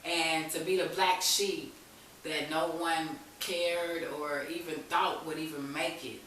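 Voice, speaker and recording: Speaking slowly with little pitch movement, this low-voiced, slightly bright woman shares her personal recovery story as a talk show guest. She is candid, determined and conversational. The audio suffers from a very echoey room, a distant microphone and hiss.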